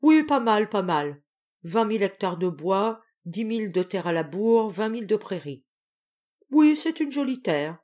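A woman's voice: medium pitch, animated, moderate pace, dark tone, natural voice. A woman doing a blustering old general. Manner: gruff, touchy, commanding. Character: blustering proud old Russian general, sixty-three.

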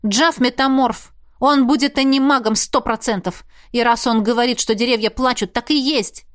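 A woman's voice: a little high, fairly even intonation, moderate pace, natural voice. A woman voicing a proud, eager young female student in an audiobook. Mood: defensive. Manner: eager and defensive. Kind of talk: audiobook character voice.

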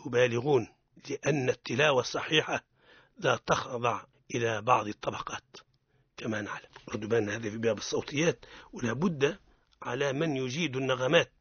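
A man's voice: medium pitch, fairly bright tone, husky, no echo, lo-fi sound. A man with a Tunisian accent teaching Quran recitation on radio, correcting pronunciation and modelling words for students to repeat. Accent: Tunisian Arabic.

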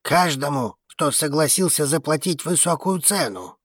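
A woman putting on a husky, gruff old man. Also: deep voice, animated, normal speed, no echo, clean studio sound, pitched below the performer's own voice. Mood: cynical. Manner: surly, blunt and dismissive. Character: gruff cynical old male space trader.

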